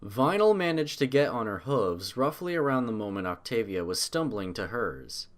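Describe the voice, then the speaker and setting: Reading scripted prose, a story narrator delivers it with great animation, the intonation swinging up and down from one phrase to the next. The pitch sits in the middle range and the pace is moderate.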